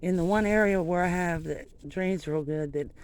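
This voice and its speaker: A woman's voice: on the low side, moderate pace, darkish tone. A woman giving a casual, rambling garden tour, chatting as she walks her rural yard with a handheld phone. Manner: rambling, chatty, self-interrupting. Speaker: gardening vlogger. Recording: outdoor noise from rural surroundings.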